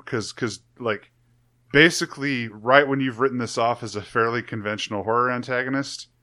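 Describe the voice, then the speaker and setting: Bright-voiced man rambling casually. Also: mid-range voice. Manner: rambling, with many "like" fillers and restarts. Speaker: podcast co-host. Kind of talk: casual review chat.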